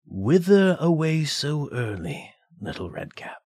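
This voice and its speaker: A man's voice: on the high side, sing-song, takes it slowly, darkish tone, no room sound, studio quality, voice pushed up, full character voice. A man doing a sly, wheedling wolf. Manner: wheedling, coaxing. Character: sly, crafty male wolf.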